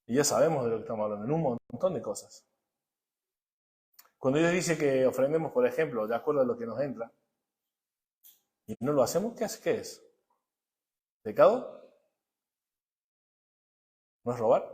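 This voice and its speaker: A middle-aged male pastor, preaching a sermon. He swings between hushed asides and loud, emphatic bursts, often putting rhetorical questions to the congregation. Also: mid-range voice, expressive, normal speed, long pauses.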